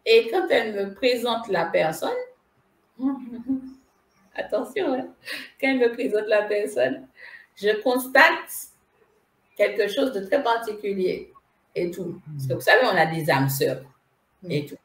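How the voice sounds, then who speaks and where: A woman's voice: mid-range voice, slow pace, long pauses, roomy sound. A woman casually telling a personal story as a guest, repeating herself and laughing as she goes. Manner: animated, repeats phrases, laughs while telling. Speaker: spiritual medium guest.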